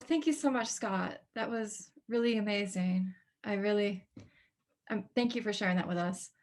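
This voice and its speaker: A woman's voice: medium pitch, normal speed, a little mellow. A young woman moderates an academic discussion, thoughtful and hesitant, with frequent ums and restarts.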